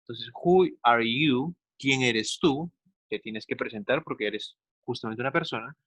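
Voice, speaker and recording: A man's voice: mid-range voice, bright, forceful tone, breathy edge, dry recording. Patient man teaching a children's class. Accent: Peruvian Spanish. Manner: patient, explains slowly, repeats words, often says "entonces" and "¿no?". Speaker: English teacher. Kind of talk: recorded online class for children.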